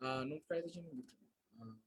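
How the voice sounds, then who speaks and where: A man's voice: fairly high pitch, brisk, fairly bright tone, husky, rough recording. A young man teaching a live online class, switching between Bangla and English with frequent filler sounds.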